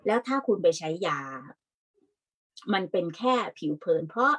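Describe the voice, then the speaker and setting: A woman's voice: mid-range voice, animated, normal speed, fairly bright tone, breathy edge. A woman who works as a teacher and therapist, speaking in a panel discussion and asking the listeners rhetorical questions to make her point. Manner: persuasive, asks rhetorical questions.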